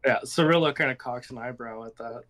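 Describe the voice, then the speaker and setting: A man's voice: mid-range voice, fairly quick, a bit bright. A man narrating a tabletop role-playing game as game master, talking casually with players.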